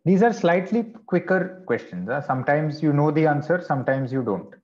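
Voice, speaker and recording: A man's voice: a little high, lively intonation, darkish tone. A male teacher leading an online class, explaining word meanings step by step and checking in with the students. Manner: explains slowly, checks in with "okay" and "right". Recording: dull lo-fi online class audio.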